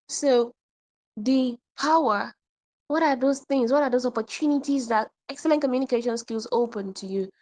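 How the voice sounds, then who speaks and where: A woman teaching an online English communication workshop, animated and repeating points for emphasis. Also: high-pitched.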